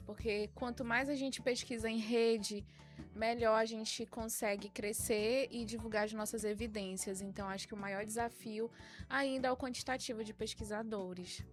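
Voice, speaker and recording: A woman occupational therapist and researcher answering interview questions in a measured, explanatory way. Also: a little high, steady tone, faint music behind.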